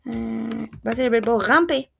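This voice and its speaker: A woman's voice: a little high, moderate pace, creaky, a bit bright, a little hiss or hum. A woman teaching a French lesson, patiently repeating and modelling each word. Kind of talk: language lesson.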